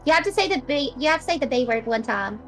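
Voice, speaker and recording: High-pitched woman stream co-host, excitable and profane, casual chat. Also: fast, faint music behind.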